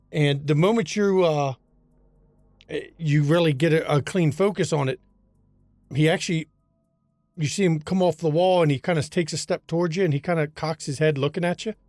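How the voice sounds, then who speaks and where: A man narrating a tabletop role-playing game as game master, in a descriptive, unhurried storytelling manner. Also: a little high, darkish tone, no room sound.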